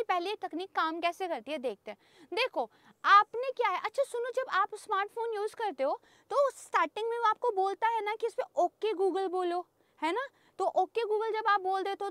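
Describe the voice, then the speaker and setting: Woman lecturer, very high-pitched, chatty and checking in, mixes English terms, dry recording. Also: fairly bright tone, no room sound. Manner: chatty, keeps checking in with students. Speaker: teacher. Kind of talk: exam-prep lecture.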